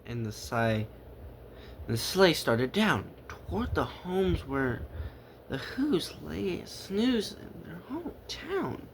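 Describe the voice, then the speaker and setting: Slight background noise sits behind a fairly high-pitched man performing a rhyming children's story. He reads it theatrically, stretching words out for dramatic emphasis and repeating them.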